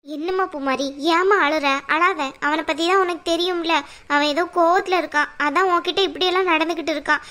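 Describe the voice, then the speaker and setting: A woman's voice: extremely high pitch, fairly even intonation, fairly quick, pushed and bright. A woman voicing a kind but stern mother-in-law in a cartoon, firm and soothing by turns. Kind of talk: cartoon voice acting.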